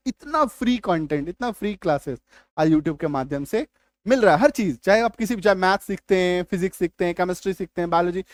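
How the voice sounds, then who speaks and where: A man with a notably high voice teaches English pronunciation on a video channel. He keeps checking that viewers follow along and punches out key sounds loudly before easing back. The recording is close and dry, with no room sound. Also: no room sound. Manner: repeats "ठीक है?" and "है ना?" to check understanding; stresses key sounds loudly, then drops back to conversational. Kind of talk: YouTube English lesson.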